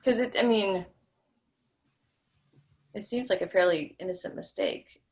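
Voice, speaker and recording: A woman's voice: mid-range voice, measured pace. A woman in a tapping session who repeats phrases and hesitantly recounts a childhood memory, stumbling over her words. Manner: hesitant, stumbling restarts, soft. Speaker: client in demonstration. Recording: dull lo-fi sound.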